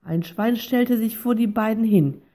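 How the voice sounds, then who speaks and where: Female storybook narrator, warm dark tone, gentle delivery. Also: a little high, a little slow. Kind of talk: reading a children's story aloud.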